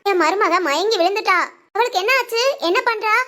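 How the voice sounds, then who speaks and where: A woman's voice: very high voice, brisk, pushed and bright. A woman voicing a fussy, aching elderly mother-in-law in a family cartoon, complaining and chiding. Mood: grumbling. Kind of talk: Tamil family cartoon voice acting.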